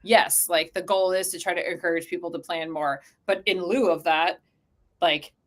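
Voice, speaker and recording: A woman with a lowish voice talks at a moderate pace as an interview guest and company co-founder. Casual and animated, she acts out imagined quotes to explain her points and says "like" often.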